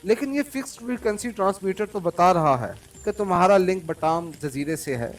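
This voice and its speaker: A man's voice: sits high, brisk, far from the mic. A man playing a cold, witty male secret agent. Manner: calm and cold, mocking laughter. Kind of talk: audiobook character reading.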